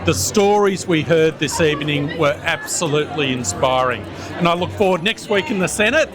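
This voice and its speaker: A man's voice: a little high, normal speed. A man speaking as a senator in an event interview, enthusiastic and restarting his sentences. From Australia. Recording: event with music and crowd chatter.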